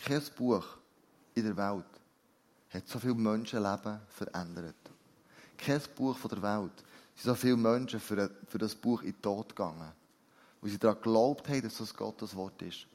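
A man's voice: on the low side, normal speed. A man preaching a sermon, earnest and putting direct questions to his listeners. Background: soft new-age music.

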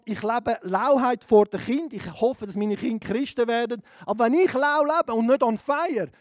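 A middle-aged man with a Swiss German accent preaching a fervent sermon, dropping to a hush and rising to shouts. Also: extremely high pitch, no room sound, studio quality. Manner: fervent, swings from hushed to shouting.

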